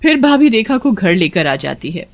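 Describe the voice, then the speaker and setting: A woman's voice: mid-range voice, very animated, normal speed, vocal fry, muffled recording. Woman narrating a folk story.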